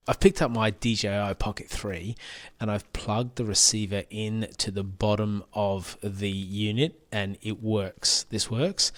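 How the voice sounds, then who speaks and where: A man with a fairly low, somewhat bright voice reviews a product casually to camera, repeating himself as he goes. He uses a handheld wireless interview microphone, and there's no room sound.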